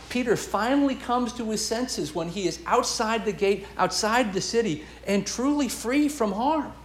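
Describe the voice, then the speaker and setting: A man's voice: high voice, roomy sound, slight background noise. A man preaching a sermon as pastor, earnest and emphatic, building and dropping his intensity.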